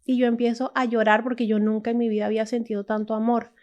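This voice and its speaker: A woman's voice: a little high, flat delivery, fast talker, darkish tone, dull audio. A woman from Latin America telling a casual, emotional personal testimony, full of restarts and asides. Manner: emotional, storytelling, many restarts and "o sea". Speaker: testimony speaker.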